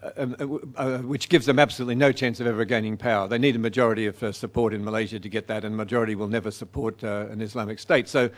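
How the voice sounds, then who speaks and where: A man answering audience questions after a lecture. He speaks in a halting, thoughtful way, pausing often and restarting his sentences. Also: on the low side, steady tone. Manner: hesitant, many fillers and restarts. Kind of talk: public talk Q&A.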